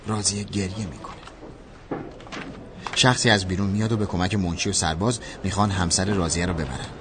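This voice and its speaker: A man reads audio description for a film in a plain, matter-of-fact tone. His voice sits low. Heavy background noise runs loud under the narration. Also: steady tone.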